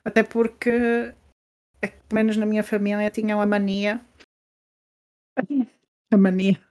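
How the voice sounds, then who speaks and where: Portuguese female co-host, casual storytelling chat, middle-pitched voice. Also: level tone, a little slow, darkish tone. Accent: European Portuguese. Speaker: podcast co-host.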